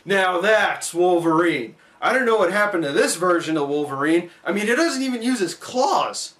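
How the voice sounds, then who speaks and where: A man's voice: sits high, big pitch swings, brisk, a little hiss or hum. Exasperated man ranting about a cartoon. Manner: exasperated, sarcastic, swings into shouting. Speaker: cartoon reviewer. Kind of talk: comedic review rant.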